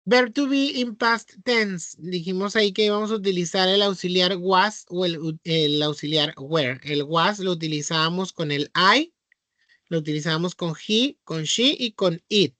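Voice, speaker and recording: Slow, patient Mexican teacher. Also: male voice, sits high, pushed and bright, no room sound. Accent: Mexican Spanish. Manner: patient, explanatory, checks with frequent "¿sí?". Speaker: English teacher. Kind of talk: online class review.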